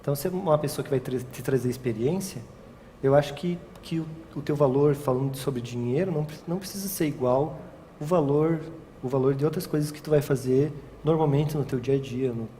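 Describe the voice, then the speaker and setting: A man's voice: mid-range voice, a little fast, mellow. A young man, a wedding photographer giving a casual interview, rambling and tagging his sentences with questions. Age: young adult. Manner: rambling, frequent "sabe?" tags, restarts. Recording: long reverb, faint ambient noise.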